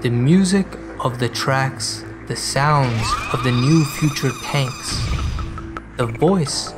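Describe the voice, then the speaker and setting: A man's voice: mid-range voice, slow pace. A man narrating a script dramatically, in short, emphatic, weighty phrases. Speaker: video essay narrator. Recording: loud music under the voice. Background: music.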